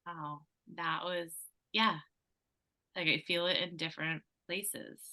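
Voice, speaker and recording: A woman's voice: lowish voice, fairly even intonation, slow pace, bright, forceful tone. A woman taking part in the exercise, describing what she feels hesitantly with many fillers. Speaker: participant.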